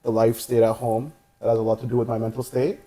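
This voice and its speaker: A man's voice: mid-range voice, little pitch movement, quick pace, mellow, poor audio. A young man as a podcast guest, rambling along and filling his talk with "you know". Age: young adult. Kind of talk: casual chat.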